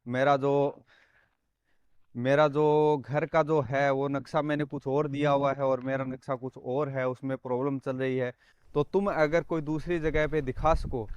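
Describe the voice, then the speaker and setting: A man's voice: mid-range voice, flat delivery, measured pace, smooth, no room sound, muffled recording. A young man from Rajasthan, talking earnestly in a casual vlog and often calling the viewer "brother". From Rajasthan, India. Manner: earnest, repeats phrases, says "bhai" often. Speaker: vlogger.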